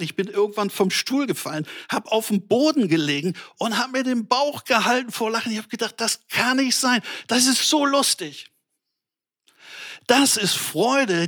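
A middle-aged man preaching an animated sermon to an online audience, speaking directly and colloquially to his listeners and telling stories. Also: sits high. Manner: colloquial with English words.

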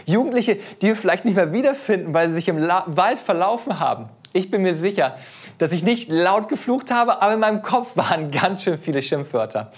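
A man's voice: brisk, breathy edge. Earnest man preaching a sermon. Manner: earnest, expressive preaching with wide shifts in pitch and loudness. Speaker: pastor.

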